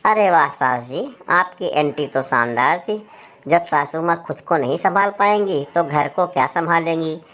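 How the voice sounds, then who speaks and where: A woman's voice: deep voice, lively intonation, normal speed, a bit bright. A woman voicing a playful, bossy young sister-in-law in a storybook tale, speaking in a mocking, commanding way. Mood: teasing.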